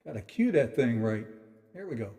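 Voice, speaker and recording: A man's voice: mid-range voice, very animated, moderate pace, breathy edge. A man from Virginia hosting a songwriter showcase over a video call, talking casually and rambling with lots of fillers. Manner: rambling, filler-heavy, soft-spoken asides. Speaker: songwriter association president and show host. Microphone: computer mic on a video call. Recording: long reverb on the voice.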